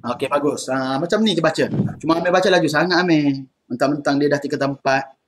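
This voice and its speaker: A man's voice: a little high, fast talker, slight background noise. A man with a Malaysian accent teaching an online Arabic class in a casual, chatty way, laughing often. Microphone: computer mic on video call.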